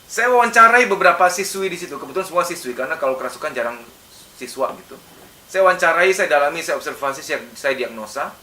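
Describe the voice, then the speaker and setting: A male psychologist giving a lecture in a relaxed, conversational way, animating his examples with sudden bursts of voice. His voice sits high and sounds very bright and piercing. It comes from some way off the mic in a roomy, echoing space. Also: quick pace. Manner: animated, acts out examples with sudden loud outbursts. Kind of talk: lecture in casual conversational register. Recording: echoey room, mic at a distance.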